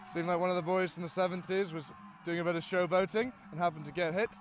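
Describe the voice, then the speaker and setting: A young man doing chatty live rugby commentary from beside the pitch, laughing often as he talks. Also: steady tone, quick pace, a little hiss or hum.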